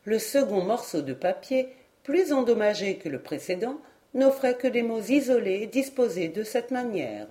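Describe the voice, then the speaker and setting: A woman narrating an audiobook of a classic novel in a clear, steady reading voice. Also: a little high, normal speed. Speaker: audiobook reader. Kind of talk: scripted narration.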